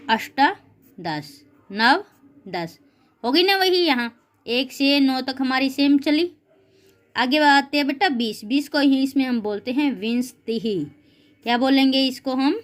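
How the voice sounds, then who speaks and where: Here a woman's voice rides high as she leads a children's class. Slow and encouraging, she repeats the words with them and addresses each pupil as "beta ji."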